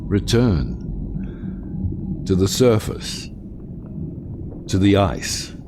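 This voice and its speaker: Slow, deep, brooding Captain Nemo. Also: male voice, sing-song, noisy background, heavily acted. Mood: defiant. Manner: grave, theatrical, deliberate. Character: brooding, defiant middle-aged male submarine captain. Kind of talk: cinematic audio drama acting. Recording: loud music under the voice.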